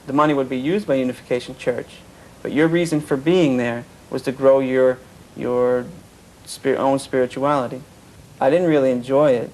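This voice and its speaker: Heard on a rough recording, a man with a mid-range, slightly mellow voice is interviewed about his time in a cult. He earnestly describes his past and often quotes what others told him.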